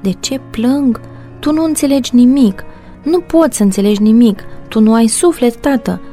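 A woman's voice: mid-range voice, dark tone, soft background music, natural voice. A woman voicing a hurt, tearful teenage daughter who complains in a pleading, sobbing way in a spoken story. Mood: bitter.

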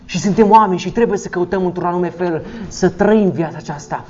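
High-voiced man preaching with repetition. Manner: rhetorical repetition, swings between loud urgent lines and low quiet ones. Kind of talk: sermon. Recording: slightly dull recording with faint background noise.

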